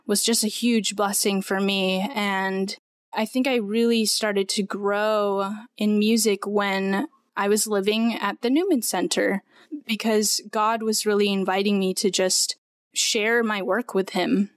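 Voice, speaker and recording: A woman's voice: mid-range voice, steady tone, measured pace, clean tone, dry recording, clean studio sound. A young woman, a podcast guest, earnestly telling her personal story with many "like" fillers. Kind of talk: personal testimony in conversation.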